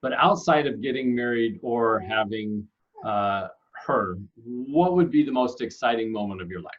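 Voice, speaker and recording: A man's voice: mid-range voice, expressive, moderate pace, lo-fi sound. A young man hosting a casual interview for kids, friendly and upbeat with joking asides. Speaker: host, school staff member.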